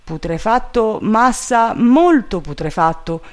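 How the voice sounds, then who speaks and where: A man voicing a timid, bumbling male servant up a tree, fretful and loud, in a storybook reading. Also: high-pitched, lively intonation, slow, voice pushed up.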